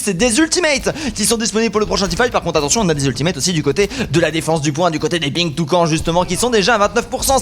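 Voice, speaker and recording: High-pitched excitable male esports caster. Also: a little hiss or hum. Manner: excitable, exclaiming play-by-play. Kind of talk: live esports commentary.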